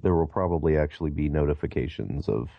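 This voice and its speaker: A man's voice: rumbling low, quick pace, creaky, no echo. A man co-hosting a casual podcast, chipping in playfully, on a lo-fi recording. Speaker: podcast co-host; English professor. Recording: dull lo-fi podcast audio, very dry.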